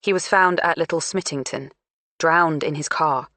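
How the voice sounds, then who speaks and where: A woman reading an audiobook, voicing a calm, firm, businesslike female police detective. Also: low-pitched, normal speed, no room sound.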